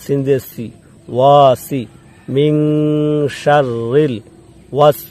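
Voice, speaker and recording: His mid-range voice shows little pitch movement and has a darkish tone as he teaches Quran recitation step by step. He spells out each letter and vowel mark, then slowly chants the word while patiently repeating the rules.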